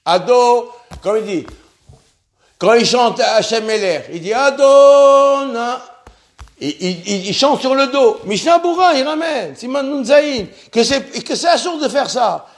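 Fervent rabbi-type teacher, fairly high male voice, stumbles over words and circles back to his points. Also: animated. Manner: impassioned, repeats himself, stumbles and restarts words; sounds out Hebrew syllables slowly. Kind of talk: religious lesson.

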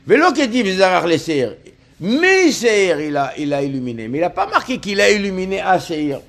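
Male religious teacher, fairly high voice, halting study-lesson delivery with frequent repeated words. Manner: halting, repeats words while explaining each term.

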